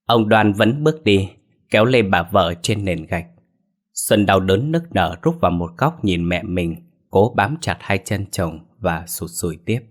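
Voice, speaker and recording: A man reading a scripted ghost story as narrator, steady and measured. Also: sits low.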